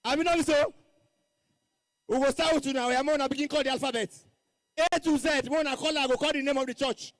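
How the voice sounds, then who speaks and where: Man, Nigerian accent, very high voice, rally speech, stage MC, repeated call-outs, Pidgin phrases, dry sound. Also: fairly even intonation, fast, pauses often, dry recording. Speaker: rally master of ceremonies. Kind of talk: rally speech, hyping and addressing a crowd from the stage.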